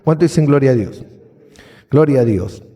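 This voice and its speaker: A man's voice: mid-range voice, lively intonation, normal speed, warm tone. A man with an Argentine accent preaching a sermon as pastor, asking the congregation questions as he goes. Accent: Argentine Spanish. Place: church hall.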